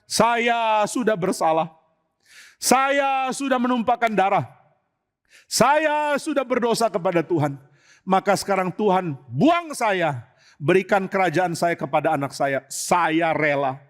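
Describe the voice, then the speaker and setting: Man doing a slow, humbled old king. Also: high-pitched, animated. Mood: remorseful. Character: repentant older male king, humbled.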